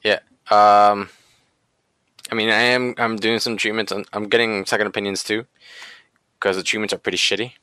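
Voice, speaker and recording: A man's voice: fairly low pitch, flat delivery, moderate pace, pauses often, bright, forceful tone, smooth, dry recording. A man hosting a casual talk show, speaking hesitantly with many fillers. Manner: hesitant, many ums and likes. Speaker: podcast host. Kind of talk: casual chat.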